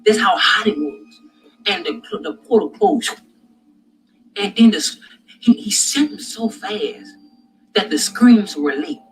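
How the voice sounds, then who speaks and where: A man recounts a dream of judgment, voice pitched high and often stumbling over restarts and fillers. He swings from hushed to loud and intense. A faint hiss sits under the recording. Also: lively intonation, slow, long pauses, low-quality recording. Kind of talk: personal dream testimony.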